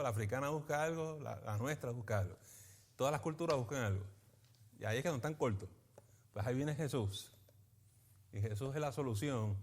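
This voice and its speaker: A man, a pastor teaching a Bible study in a lively preaching manner, often asking his listeners for agreement. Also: mid-range voice. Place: church meeting in a school building.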